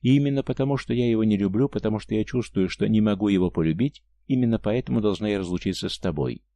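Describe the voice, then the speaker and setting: A man's voice: on the low side, fast, dark tone, no room sound, lightly acted. Man voicing a proud Martian woman. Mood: sorrowful. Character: Martian woman, tender, proud, free-spirited.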